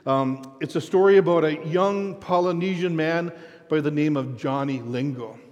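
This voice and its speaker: A man preaching a sermon as a dramatic story, often dropping to a hushed voice for effect. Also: on the high side, normal speed, dull audio. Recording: reverberant hall.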